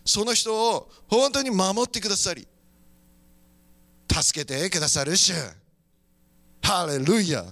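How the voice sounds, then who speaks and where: High, bright-voiced fervent male pastor. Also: takes it slowly, long pauses, no echo. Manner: fervent, moves between preaching and praying aloud. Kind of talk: sermon with prayer.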